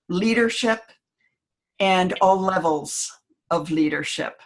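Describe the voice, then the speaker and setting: Slow-spoken woman hosting a panel. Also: medium pitch. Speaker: panel host. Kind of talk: moderating an online panel.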